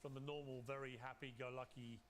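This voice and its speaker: A man's voice: mid-range voice, level tone, fairly quick, slight background noise. A man interviewing a guest, asking probing, rambling questions in a sympathetic tone. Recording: interview clip with music underneath.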